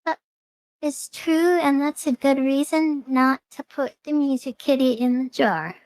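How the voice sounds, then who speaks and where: A woman's voice: high voice, unhurried, a little mellow, no room sound, poor audio. A young woman streaming a game with a friend, chatting casually with dry, teasing humor. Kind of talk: casual gaming chat.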